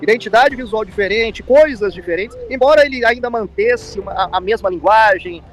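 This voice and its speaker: A man's voice: high-pitched, a little fast. A man with a Brazilian accent giving commentary in an interview as a pastor, explaining with repetition and frequent tag questions. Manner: explanatory, repeats himself, seeks agreement with tag questions.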